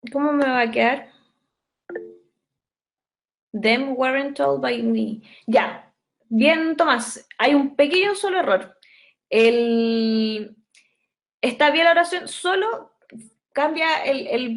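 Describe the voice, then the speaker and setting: Young woman teacher, unhurried, patient and methodical, higher pitched. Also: poor audio. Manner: patient, step-by-step, slows to dictate English sentences. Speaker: English teacher. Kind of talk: online class explanation.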